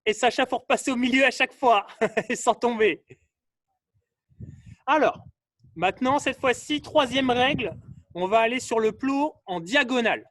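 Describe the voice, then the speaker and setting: A man leads a fitness session over a video call, firing off short drill cues and pushing his group to speed up. His voice sits very high for a man. The sound is dry and close, with no room echo. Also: a bit bright. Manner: calls out drills and colors in short bursts, urging participants faster. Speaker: fitness coach. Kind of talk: live online workout class.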